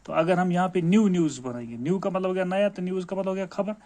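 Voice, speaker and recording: A man's voice: high-pitched, fairly even intonation, a little mellow. A male school teacher with a Kashmiri accent gives a grammar lesson, explaining patiently and calling his pupils dear children.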